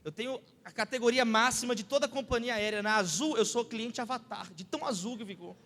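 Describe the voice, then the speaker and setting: A man with a Brazilian Portuguese accent, a pastor preaching a sermon with lively, excitable humorous storytelling. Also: very high voice, quick pace. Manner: animated, excitable, acts out the people in his stories. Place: church hall. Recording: long church-hall reverb.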